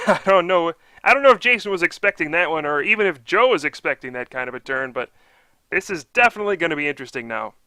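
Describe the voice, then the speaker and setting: A man's voice: fairly high pitch, bright, forceful tone, no echo. A man doing live card game commentary, upbeat and analytical, explaining each play.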